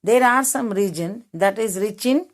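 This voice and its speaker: A woman with an Indian English accent teaches a geography lesson. She reads a passage, then goes back over it in plainer words, often restarting her sentences. Her voice sits at an ordinary middle pitch. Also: moderate pace. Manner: rephrases each point in simple words, asks if it is clear. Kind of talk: classroom lesson, reading then explaining.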